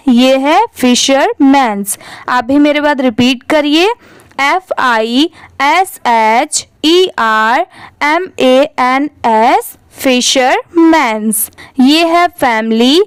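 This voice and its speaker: Woman, English reading teacher, high voice, spells words letter by letter, slow deliberate reading, dry close sound. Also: no room sound. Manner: spells words letter by letter, then reads them slowly.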